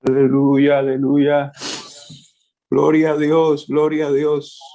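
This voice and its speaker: A man's voice: fairly high pitch, completely flat delivery, slow, dark tone, dull audio. A man in the congregation calling out affirming responses during a testimony.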